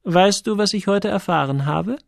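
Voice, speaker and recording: A man voicing a curious, teasing grown woman with a light, unhurried way of talking, in an audiobook. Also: high-pitched, gravelly, no echo, clean studio sound, voice pushed up.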